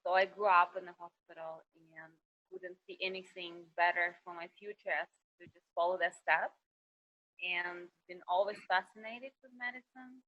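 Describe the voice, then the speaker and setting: A middle-aged woman from Kazakhstan, a doctor speaking over a video call, halting and searching for words with many fillers. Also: on the low side, steady tone. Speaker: emergency doctor, guest. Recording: dull, lo-fi internet call audio.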